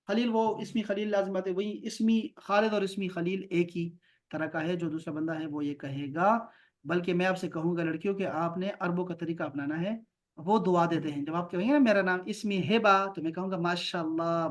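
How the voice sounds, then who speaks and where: A man from Pakistan teaching an Arabic lesson, drawing out example words slowly between quicker explanations. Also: high-pitched.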